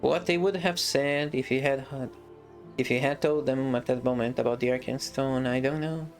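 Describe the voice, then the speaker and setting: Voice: mid-range voice, steady tone, normal speed, faint music behind. Casual streamer reading a storybook aloud. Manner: casual, joking asides between passages. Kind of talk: live-streamed book reading.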